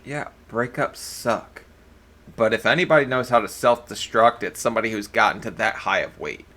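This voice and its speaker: A man's voice: fairly low pitch, normal speed, soft background music. A man hosting a reaction video, giving blunt, crude casual commentary. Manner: blunt, crude jokes, animated.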